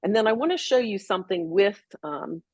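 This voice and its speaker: A woman's voice: medium pitch, expressive, brisk, no echo, muffled recording. A woman co-hosting a health show, chatting casually and explaining step by step as she prepares a salad. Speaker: co-host. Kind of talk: casual cooking demo chat.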